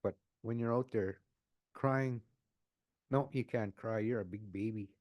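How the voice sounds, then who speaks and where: A man in his sixties telling his own life story, unscripted and emotional, often halting and repeating words as he restarts a phrase. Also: fairly low pitch, dry recording, highs cut off. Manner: emotional, earnest. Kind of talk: personal testimony, unscripted.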